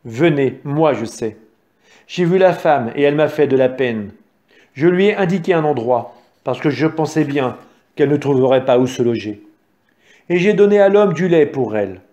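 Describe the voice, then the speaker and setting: A man voicing a humble, kind-hearted shepherd in a storybook reading, speaking with gentle, earnest pleading. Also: fairly high pitch, lively intonation, normal speed, lo-fi sound, close to an everyday voice.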